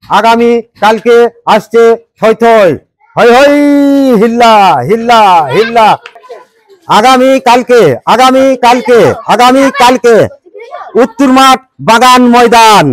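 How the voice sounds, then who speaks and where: Man playing a very high-pitched, chanting village announcer. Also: fairly even intonation, a bit bright, exaggerated voice. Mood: excited chanting. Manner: repetitive sing-song hawking, drawn-out chants. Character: excitable male village announcer promoting a song concert. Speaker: event announcer. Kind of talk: loud chanted street publicity announcement.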